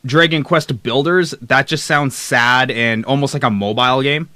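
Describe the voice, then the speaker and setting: Close to his desk mic, this young streamer talks casually, wanders through a list of games, and reads chat messages aloud. He speaks at a normal speed with a medium-pitched, bright, forceful voice, and there's no echo.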